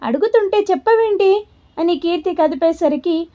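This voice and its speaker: A woman narrates a story in an even, descriptive way. Her voice is high-pitched yet mellow and soft-toned. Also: moderate pace.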